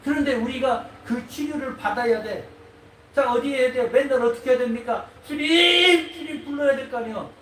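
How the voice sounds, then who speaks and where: A man preaching a sermon to his congregation as pastor, animated and often prodding listeners with quick questions. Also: very high voice. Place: church sanctuary. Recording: echoey hall, mic far off, faint noise.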